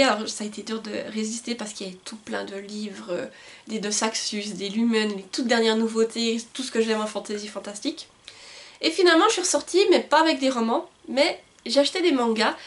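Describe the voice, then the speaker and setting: A woman vlogging about books, reading back-cover summaries aloud and chatting about her purchases, sometimes tripping over words. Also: a little high. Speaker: book vlogger. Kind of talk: casual book haul chat with read-aloud summaries. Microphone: camcorder.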